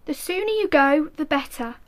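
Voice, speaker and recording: A woman's voice: high-pitched, expressive, moderate pace. An actress playing a bossy, preachy well-off teenage girl scolding her friend in a radio drama. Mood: lecturing. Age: teens. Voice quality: lecturing.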